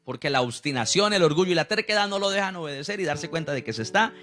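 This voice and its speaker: A man's voice: on the high side, expressive, fast, fairly bright tone, faint music behind. A man preaching a sermon as pastor, asking rhetorical questions and acting out what people say.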